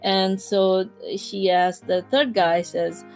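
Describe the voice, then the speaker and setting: A woman's voice: mid-range voice, fairly even intonation, slow, faint music behind. Woman hosting a weekly online talk. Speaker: host.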